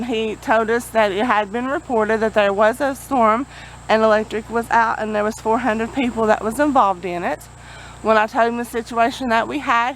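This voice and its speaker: Outdoors near a road, a female vlogger rambles through a casual, folksy update over generator hum and passing vehicles. Her voice sits on the high side with a fairly bright tone, and the recording is rough.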